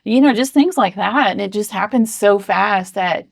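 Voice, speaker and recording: A woman's voice: medium pitch, moderate pace, vocal fry. A middle-aged woman, a podcast guest, recounting a story in a chatty way with many "you know"s. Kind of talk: casual storytelling.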